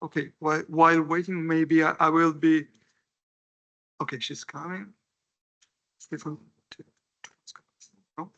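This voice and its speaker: A man's voice: fairly high pitch, level tone, fairly bright tone, highs cut off. A man moderating a conference panel, polite and chatty with some hesitations. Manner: polite, chatty, a bit halting.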